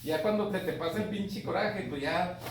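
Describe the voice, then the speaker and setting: Mexican guy swearing a lot while he talks, kinda high voice, sounds far from the mic in an echoey room. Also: moderate pace. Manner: profane, colloquial, often asks "me entiendes". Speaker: speaker on grief. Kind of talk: casual talk. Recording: echoey room, distant mic, faint noise.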